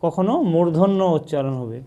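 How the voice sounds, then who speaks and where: Teacher quizzing herself through a lesson. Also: female voice, low-pitched, animated, brisk, warm tone, dull audio. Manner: asks a question, then answers it; repeats "ঠিক আছে" often. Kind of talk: scripted narration.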